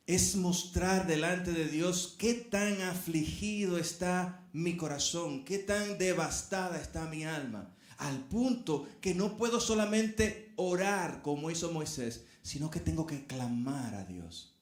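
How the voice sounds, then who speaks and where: A man's voice: fairly high pitch, slow pace, reverberant. A middle-aged man preaching a sermon as a pastor, earnest and speaking straight to his congregation.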